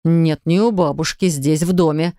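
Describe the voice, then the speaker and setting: A woman voicing a quick-tempered young husband, curt and exasperated, in a lower voice in an audiobook. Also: fairly even intonation, warm tone, no echo, studio quality, close to an everyday voice. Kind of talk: audiobook character reading.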